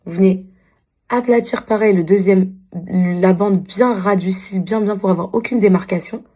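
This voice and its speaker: A woman's voice: mid-range voice, normal speed, mellow. A woman talking casually to her followers in a vlog, venting in a repetitive, exasperated way and walking through a beauty routine. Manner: exasperated, venting, repeats herself; chatty beauty tutorial. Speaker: social media influencer.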